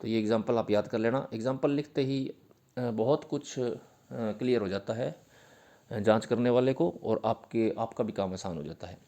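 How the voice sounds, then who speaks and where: A male teacher giving an exam-prep literature lecture in Hindi mixed with terms. He reads definitions slowly, then explains them patiently with fillers and repetition. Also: medium pitch, dark tone. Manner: uses fillers, repeats points patiently.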